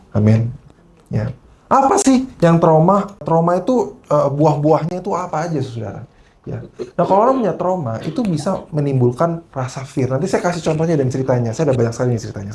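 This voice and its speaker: A man's voice: fairly high pitch, a little fast, gravelly, a little hiss or hum. A man preaching a sermon at a church service, switching into English phrases and often checking in with the congregation as he tells stories. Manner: animated storyteller.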